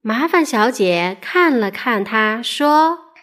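A mother reading a picture book aloud to children in an expressive, playful way. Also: a little high, takes it slowly. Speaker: mother storyteller.

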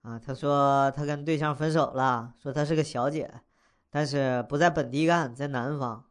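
A man's voice: a little high, fairly even intonation, normal speed, smooth. Wisecracking man with a twang. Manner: slangy, wisecracking, chuckles through the story. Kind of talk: casual comic storytelling.

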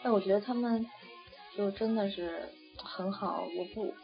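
Chatting loosely as an interviewee, a young woman from China rambles, restarting sentences and filling gaps with hesitation sounds. She has a mid-range voice and talks at an ordinary speed, over muffled lo-fi audio with soft music underneath.

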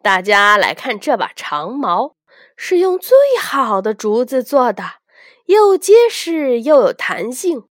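A woman voicing a boastful male street vendor in a children's storybook reading, with loud, bragging salesman's patter. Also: high-pitched, very animated, slow pace, dry recording, clean studio sound, heavily acted. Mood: boasting.

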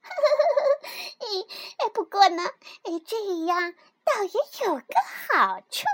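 A woman's voice: extremely high pitch, sing-song, measured pace, sharp tone, pitched above the performer's own voice, exaggerated voice. A woman voicing a cheeky little piglet who teases and giggles in a sing-song way. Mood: mocking.

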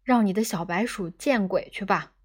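A woman reading the lines of a brash, impatient two-headed male space rogue, blunt and loud. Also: mid-range voice, moderate pace, husky, natural voice.

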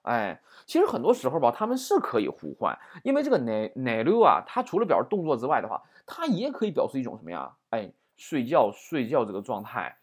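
A man's voice: medium pitch, wildly swooping pitch, brisk, hardly any pauses. A man teaching a vocabulary lesson in a chatty way, often asking "right?". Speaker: Japanese language teacher.

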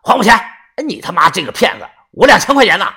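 Man doing a furious shouting young man. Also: high-pitched, sing-song, fast talker, husky, voice pushed up, exaggerated voice. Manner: shouting and cursing. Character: angry young man, cheated boyfriend, hot-tempered.

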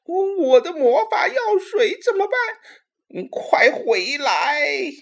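A woman voicing a spiteful old witch for a children's storybook, with a sinister, snarling, raspy whisper. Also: lowish voice, wildly swooping pitch, drawn-out words, voice pushed down, heavily acted. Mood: panicked.

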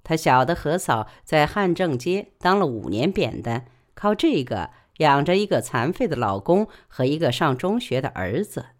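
A woman storyteller narrating a novel in a Wuhan dialect with expressive delivery. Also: low voice, normal speed, hardly any pauses. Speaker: audiobook storyteller.

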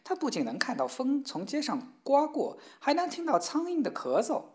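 A woman playing a proud boastful mother, high and emphatic, storybook voice. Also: wildly swooping pitch, normal speed, a little mellow. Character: proud old mother, boastful about daughter.

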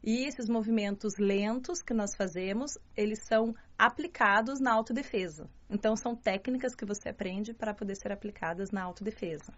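Talking a little fast with few pauses, this woman has a mid-range voice and a Curitiba Brazilian Portuguese accent, being from Curitiba in southern Brazil. A journalist and martial arts student, she chats as a guest in a relaxed interview, explaining and frequently checking for agreement with tag questions. The recording sounds slightly dull and lo-fi.

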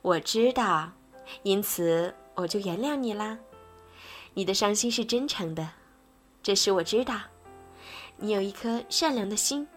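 A woman voicing a kind, patient fairy who becomes a mother figure in a bedtime story, in a gentle way. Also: medium pitch, lively intonation, unhurried, pauses often, soft background music, natural voice. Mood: tender.

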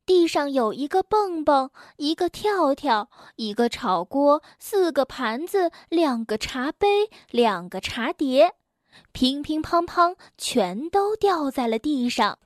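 A woman narrating a children's bedtime story in a slow, gentle and animated way. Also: high voice, no room sound, clean studio sound.

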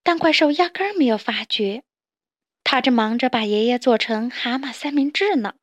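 A woman telling a story to children in a gentle, expressive way. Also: on the high side, moderate pace.

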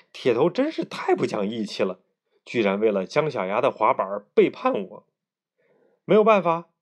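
A man reading a children's story aloud to a child at bedtime, in a lively, expressive way. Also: mid-range voice.

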